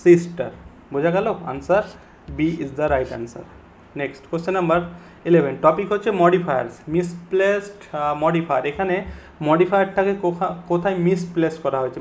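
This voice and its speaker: A young male English grammar teacher with a Bengali accent, explaining an online exam-prep lesson and reading English example sentences slowly and deliberately. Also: fairly high pitch, darkish tone, a little hiss or hum.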